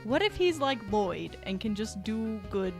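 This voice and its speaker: A woman's voice: a little high, big pitch swings, unhurried, creaky. A woman chatting casually as she plays a video game as a let's player. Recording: game music behind the voice.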